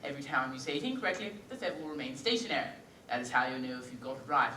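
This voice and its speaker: A man's voice: mid-range voice, expressive, very fast, bright, forceful tone, slight background noise. An actor playing an impatient phonetics professor in a stage musical. He lectures and repeats his corrections in exasperation. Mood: lecturing. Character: impatient male phonetics professor, brisk and bossy. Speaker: student actor. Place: school theatre stage. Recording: echoey hall from far off.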